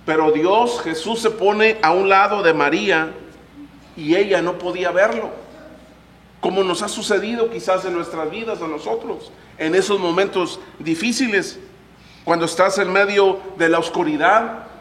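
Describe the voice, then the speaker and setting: A man's voice: high-pitched, normal speed, fairly bright tone. A man leading a Bible study and asking the group questions as he teaches. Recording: echoey hall, faint room noise.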